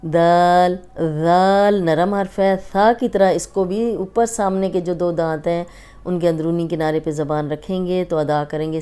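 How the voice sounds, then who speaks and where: A woman with a Pakistani Urdu accent leads a slow, patient lesson and stretches out every letter sound. Her voice sits low and warm, soft and mellow, with a smooth, clear tone. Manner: patient, drawn-out letter recitation and explanation. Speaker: Quran reading teacher.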